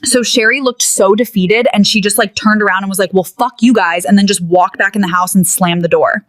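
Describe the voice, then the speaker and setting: A woman's voice: mid-range voice, fairly even intonation, brisk, fairly bright tone. A young woman hosting a casual, dramatic storytime, chatty and colloquial, acting out quoted remarks and swearing freely. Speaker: mukbang storytime host.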